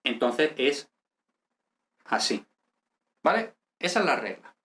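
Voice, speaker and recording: A man's voice: mid-range voice, sing-song, slow pace, pushed and bright. A man teaching an Italian grammar class in Spanish, explaining step by step and checking in often with his students. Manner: patient, repeats "¿vale?" to check understanding. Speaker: language teacher.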